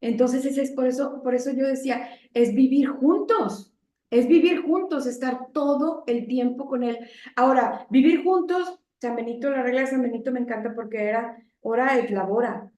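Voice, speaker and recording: A woman's voice: a little high, fairly even intonation, normal speed, darkish tone. Impassioned woman preaching, echoey. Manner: impassioned, pleading, with many rhetorical questions. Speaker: lay preacher. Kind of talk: religious testimony talk. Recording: echoey room.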